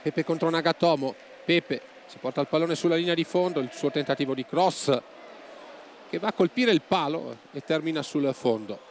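A man giving football highlights commentary in clipped, telegraphic phrases, as a scripted match report. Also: normal speed, slight background noise.

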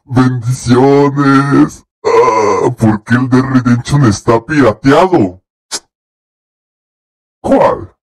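A man's voice: mid-range voice, very slow. A young man, chatting casually on a live stream, rambling, swearing and reacting to chat. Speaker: livestreamer. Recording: faint music behind.

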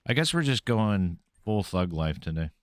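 A man's voice: on the low side, sing-song, moderate pace, no room sound. A man streaming a game live, commenting casually, swearing freely and taunting the enemies he fights.

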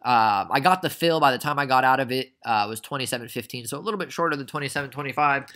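A man's voice: mid-range voice, quick pace, sharp tone. A young man casually recapping a stock trade for beginners, chatty and prone to rambling tangents. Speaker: trading educator.

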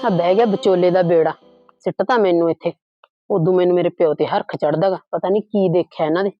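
A woman playing a scheming, sharp-tongued young daughter-in-law who nags and scolds bitterly in a village drama. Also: fairly low pitch, quick pace, highs cut off, soft background music, lightly acted. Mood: grumbling, scheming. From Punjab, India.

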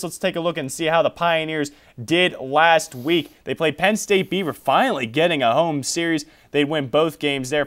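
In a slightly high, fairly bright voice, the young man fronting a small-studio college sports show goes through the scores and stats. After that, he turns questions over to his analyst.

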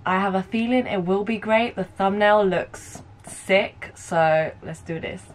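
A young woman hosting a casual music video reaction, talking in an excitable, gushing way. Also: mid-range voice, unhurried, slight background noise. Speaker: reaction vlogger.

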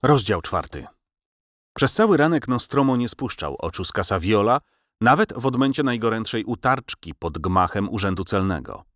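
A man reading a novel aloud as an audiobook narrator, with measured, expressive storytelling on a close studio mic. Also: lowish voice, no room sound. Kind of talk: scripted literary narration. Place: recording studio.

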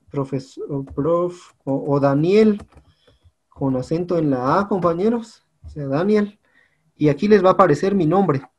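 A man's voice: high-pitched, a little mellow. A male teacher, patiently walking his students through an online class platform and often checking in with them. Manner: patient, repeats "compañeros" and "¿sí?" often.

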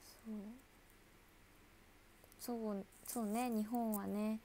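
Chatty woman with vocal fry. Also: on the high side, steady tone, extremely slow, dark tone, a little hiss or hum. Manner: chatty, answers viewers, laughs often. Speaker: idol livestreaming to fans. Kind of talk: casual livestream chat.

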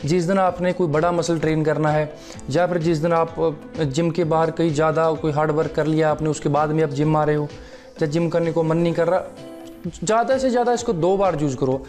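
Faint music plays behind this young man's slightly high, darkish voice as he speaks fairly quickly with fairly even intonation. A fitness vlogger on his living room sofa, he reviews a supplement through a lapel mic, explaining warmly and hailing viewers as friends.

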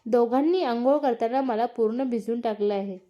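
A woman reading a young man's lines in a spoken romance story, voicing a caring uncle in a calm, softly teasing way. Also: a little high, moderate pace, lo-fi sound, natural voice. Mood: gentle.

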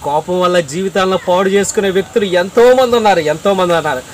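Man, preacher, high-pitched, earnest, repetitive emphasis, faint background hiss. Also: fast talker. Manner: earnest, repeats phrases for emphasis, addresses listener directly.

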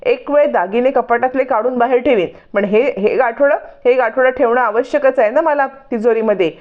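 A woman's voice: a little high, normal speed, narrow, tinny audio, close to an everyday voice. A woman voicing a cunning young woman who talks smugly and reassures. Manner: smug, reassuring.

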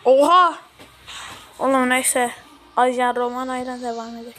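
A young woman commentating her own mobile game play, excitable and slangy, often yelling at the characters on screen. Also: sits high, low-quality recording. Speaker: gaming channel host.

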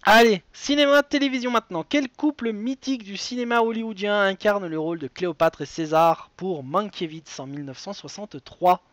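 A man's voice: high-pitched, brisk, hardly any pauses, fairly bright tone, no room sound. A man hosting a live web quiz show, chatty and digressive, reading questions and wandering into side stories with many fillers.

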